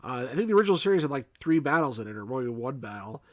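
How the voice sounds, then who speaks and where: A man's voice: mid-range voice, very animated, very fast, no room sound, studio quality. A man from New York with a mild New York accent, casually commenting on a game as he plays, thinking aloud and answering chat. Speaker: game reviewer streaming. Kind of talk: casual live gameplay commentary.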